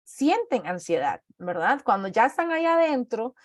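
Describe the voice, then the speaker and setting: A woman's voice: fairly high pitch, very animated, normal speed, dry recording, studio quality. A woman giving an online talk, explaining things conversationally and acting out inner voices, often checking in with her listeners. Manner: conversational, acts out inner voices, tags with ¿verdad?. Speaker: speaker giving a talk on anxiety.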